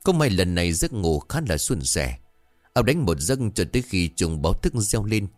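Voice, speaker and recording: Deep-voiced man narrating a horror story. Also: moderate pace, no echo, faint music behind. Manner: expressive, dramatic storytelling.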